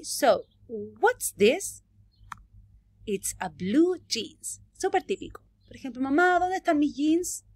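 A young adult woman with a Chilean Spanish accent, teaching a virtual English lesson to young children and drawing out each model phrase slowly. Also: husky, no room sound. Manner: slow, drawn-out model phrases with lively pitch swings.

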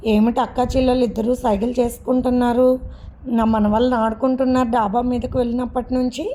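A woman's voice: a little high, flat delivery, fairly quick, mellow, a little hiss or hum, close to an everyday voice. A woman voicing a playful older grandmother in a storybook reading. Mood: teasing. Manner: teasing, amused.

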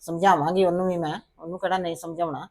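A woman playing a calm, preachy mother-in-law. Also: fairly low pitch, fast talker, lightly acted. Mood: soothing. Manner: calm, soothing, calls her "son". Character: patient older mother-in-law, soothing and preachy. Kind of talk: family drama acting.

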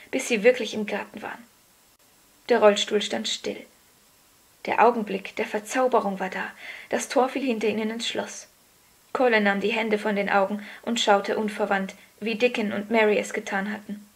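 A woman giving a calm, measured scripted narration of a children's story. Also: medium pitch, husky. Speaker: audiobook narrator.

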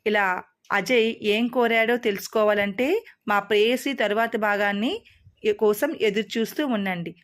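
A woman reading a story aloud in a steady, expressive narrating voice. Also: mid-range voice, a little slow. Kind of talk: scripted narration.

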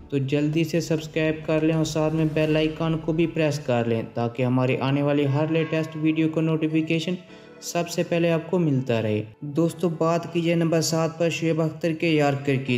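A man reading a scripted sports countdown voice-over in a steady, formal delivery. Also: a little high. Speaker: channel narrator. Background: faint background music.

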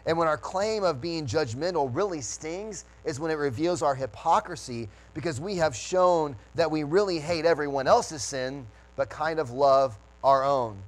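Earnest preaching man, somewhat high voice. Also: moderate pace, hardly any pauses, rough recording. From United States. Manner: earnest, restarts phrases while preaching. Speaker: pastor. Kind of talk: sermon.

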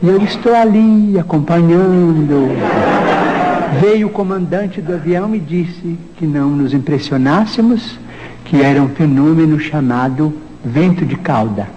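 A man's voice: fairly high pitch, unhurried. Man telling a story in an old, noisy hall recording. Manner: animated anecdote with voiced quotes.

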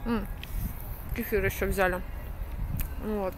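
A woman's voice: mid-range voice, steady tone, takes it slowly. A woman vlogger chatting casually and matter-of-factly to the camera while eating, talking with her mouth full. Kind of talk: casual mukbang vlog chat. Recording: noisy outdoor street recording.

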